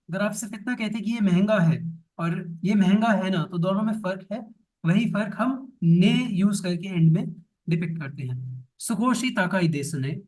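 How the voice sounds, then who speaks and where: A man teaching Japanese restaurant phrases in Hindi, saying each example sentence slowly and repeating it. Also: sits high, a little mellow, distant mic, poor audio. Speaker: language teacher.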